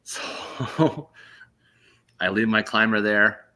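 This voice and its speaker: A man in his thirties casually telling a hunting story on a podcast, animated and laughing as he goes. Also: lowish voice, very slow. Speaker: podcast host.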